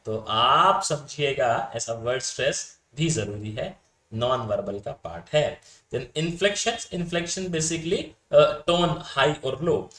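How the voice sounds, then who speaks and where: A man's voice: medium pitch, a bit bright. Chatty male lecturer in an echoey room. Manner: chatty, addresses students as "sir", checks understanding often. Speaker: teacher. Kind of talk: Hindi-English lecture on communication theory.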